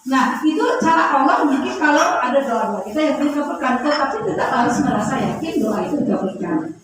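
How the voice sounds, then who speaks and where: High-voiced woman preaching in an echoey hall. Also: brisk, noisy background. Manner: lively, often addresses listeners as "Bu"; acts out prayers in a soft hushed voice. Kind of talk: sermon to elderly women. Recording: very echoey hall, audience murmur.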